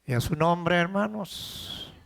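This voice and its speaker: A man with a high, gravelly, fairly bright voice preaches slowly as pastor of his church. He repeats words to build momentum and calls out questions to the congregation.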